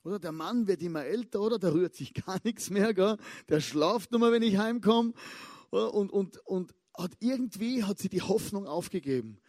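A young man giving a lively, casual sermon, chatting with asides and stretching key words slowly for emphasis. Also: high-pitched, no echo, clean studio sound. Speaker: pastor.

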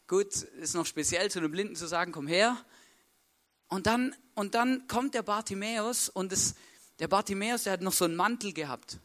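A male preacher with a high, pushed, bright voice retells a story in a casual, colloquial sermon. He keeps tagging his sentences with a questioning "right?" and acts out the voices of the people in the story.

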